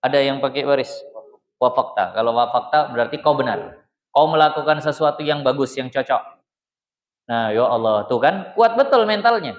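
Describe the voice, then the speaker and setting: A man's voice: mid-range voice, expressive, moderate pace. A man giving a mosque study lesson. He reads a classical text aloud, explains it casually, and acts out short dialogues. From Medan, North Sumatra. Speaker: religious teacher. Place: mosque hall. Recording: echoey mosque hall.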